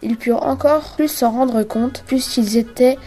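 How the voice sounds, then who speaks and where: A woman narrating a children's adventure story aloud in a lively, brisk storytelling manner. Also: a little high, soft background music.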